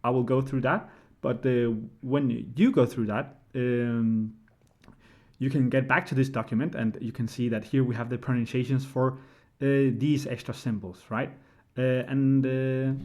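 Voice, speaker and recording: This man is a language tutor with a mid-range, darkish voice, walking through a casual screen-share tutorial step by step. He regularly asks "right?" to make sure the viewer is following.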